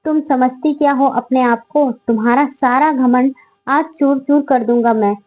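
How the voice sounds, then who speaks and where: A woman's voice: sits high, fairly even intonation, unhurried, a little mellow, poor audio. A woman voicing an angry, threatening young male college student in a read-aloud story. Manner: pleading then threatening.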